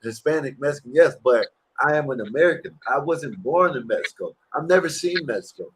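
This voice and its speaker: A man's voice: fairly high pitch, lively intonation, a little fast, fairly bright tone, breathy edge, rough recording. A man calling into a panel who argues insistently in streetwise slang, repeating his point over and over. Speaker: panel caller. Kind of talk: casual debate.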